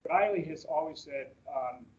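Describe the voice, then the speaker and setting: A man's voice: fairly high pitch, lively intonation, normal speed, a little mellow. A man presenting slides at a staff orientation on a video call, talking casually and rambling with fillers and restarts. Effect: heard through a video-call meeting recording. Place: meeting room with people present. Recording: dull lo-fi meeting-call audio.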